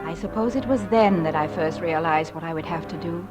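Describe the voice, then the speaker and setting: On an old recording, a woman plays an anxious, fearful young mother in a 1940s radio drama, confiding her narration in an earnest, tremulous, dramatic way. Her natural voice is on the low side and fairly quick, set over loud music.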